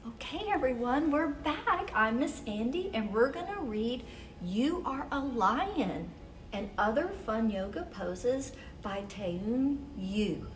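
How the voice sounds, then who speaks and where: Hosting a children's story time, a woman reads picture books expressively, her phrasing measured and deliberate for young ears. The voice is a little high and animated, with slight background noise.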